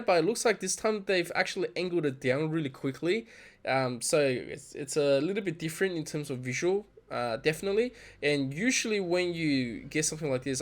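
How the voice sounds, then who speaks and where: A man hosting a casual video-game trailer reaction, talking excitedly, laughing often and imitating lines he hears. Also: on the high side. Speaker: gaming video host.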